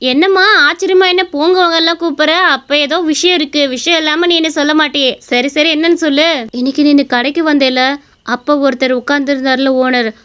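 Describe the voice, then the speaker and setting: A woman's voice: high voice, fairly bright tone. A woman voicing an anxious middle-aged mother in a cartoon story, coaxing and pleading. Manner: pleading, persuasive. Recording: dull lo-fi recording.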